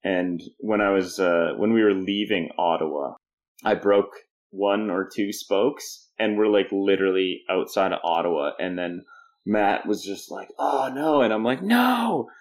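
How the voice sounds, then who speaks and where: Very low male voice, canadian guy, young adult, lively anecdote teller, chuckles a lot. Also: moderate pace. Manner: animated storyteller, laughs often, jumps into quoted voices. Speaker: podcast guest. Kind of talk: casual storytelling interview.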